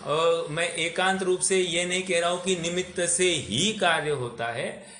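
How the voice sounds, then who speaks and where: Slow-talking teacher in an echoey room. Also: male voice, high voice, bright, forceful tone, a little hiss or hum. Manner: slow and explanatory, asks listeners questions; mixes English words into his speech. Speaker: religious teacher. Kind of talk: scripture class.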